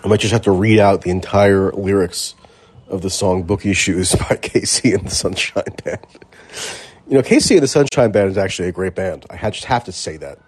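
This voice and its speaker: A man's voice: deep voice, fairly quick, darkish tone, husky. A man in his thirties hosting a casual call-in podcast, rambling in a wry, self-mocking way while getting over covid. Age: 30s. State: recovering from covid, coughing. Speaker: host.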